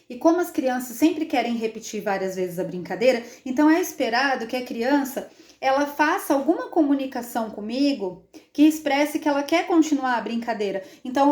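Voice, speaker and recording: A Brazilian woman with a high, bright voice gives an instructional demonstration as a child development specialist. She explains patiently and keeps checking in with short tag questions. Her voice carries a roomy echo from an indoor room. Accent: Brazilian Portuguese. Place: indoor room, playing with a baby.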